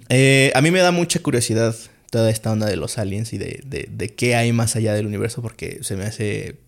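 A man's voice: fairly low pitch, normal speed, gravelly. A man with a Mexican accent, a podcast guest telling a story in casual chat, rambling and slangy with lots of fillers.

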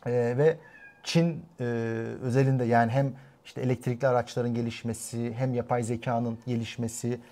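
A man's voice: mid-range voice, level tone, normal speed, dark tone. A young man co-hosting a casual live stream, chatting and reading out viewer poll results. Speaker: co-host.

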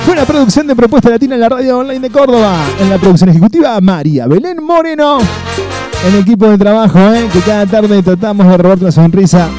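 High-voiced playful Argentine radio host. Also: male voice, animated, quick pace, warm tone, soft background music. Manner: playful, teasing, calls the caller terms of endearment. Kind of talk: lively radio call-in banter. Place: radio studio.

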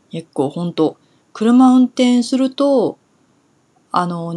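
Chatty young woman teaching Japanese. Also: fairly low pitch. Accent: standard Japanese. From Kumamoto, Kyushu, Japan. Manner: chatty, thinks aloud with fillers and soft asides. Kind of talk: relaxed solo lesson talk.

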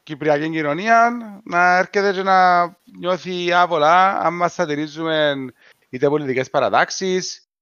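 A man with a Cypriot Greek accent, co-hosting a podcast in a measured, explanatory casual discussion. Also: sits high, a bit bright, clear, resonant tone, no room sound, highs cut off. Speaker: podcast co-host.

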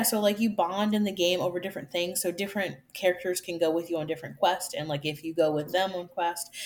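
A woman co-hosting a casual chat, animated and often laughing as she acts out what friends said. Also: on the low side. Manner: animated, laughing, quotes friends in put-on voices.

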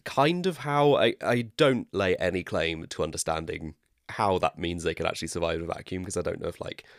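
Deep-voiced West Country man. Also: brisk, creaky, dry recording, studio quality. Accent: West Country English. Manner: rambling, chatty explainer who laughs at himself. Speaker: podcast co-host. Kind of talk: casual chat.

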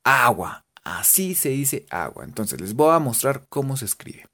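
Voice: medium pitch, big pitch swings, measured pace, fairly bright tone. A teacher with a Colombian Spanish accent, playfully spelling out English cooking words letter by letter and making jokes. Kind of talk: spelling out vocabulary in a casual lesson.

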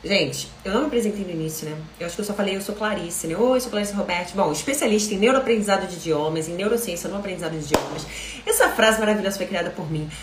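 A woman with a Brazilian Portuguese accent, a language coach talking to viewers in a chatty, animated live stream. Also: mid-range voice, racing, reverberant, slight background noise, poor audio.

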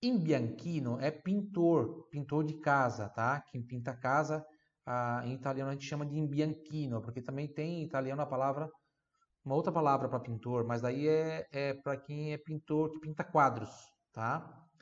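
A man teaching a language online, repeating words slowly and clearly, then explaining them and asking viewers to repeat. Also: medium pitch. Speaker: Italian teacher. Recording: slightly dull lo-fi sound.

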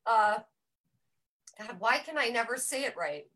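Bright-voiced woman presenting a film. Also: on the high side, big pitch swings, measured pace, rough recording. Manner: chatty, explanatory, self-correcting. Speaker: panel member presenting a film pick. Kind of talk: casual film discussion. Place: small room with a group around one mic.

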